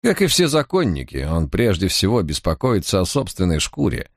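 A man's voice: low-pitched, huge pitch swings, moderate pace, creaky, no echo, studio quality, exaggerated voice. A man voicing a brusque, contemptuous henchman in an audiobook. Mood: sneering. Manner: contemptuous, curt. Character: brusque sneering male henchman, middle-aged. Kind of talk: audiobook character voice.

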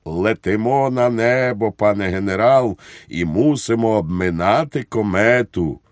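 A calm, deferential army chauffeur, as a man reads him who explains everything in a matter-of-fact tone. His voice is low and unhurried, and the recording is dry. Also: no room sound, close to an everyday voice.

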